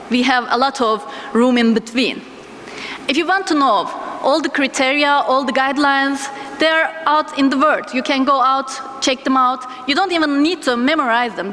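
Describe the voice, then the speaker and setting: A woman giving a conference lecture as a physician, her voice thick and strained from a sore throat, speaking hesitantly with deliberate pauses. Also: high voice, a bit bright. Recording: echoey hall with noticeable background noise.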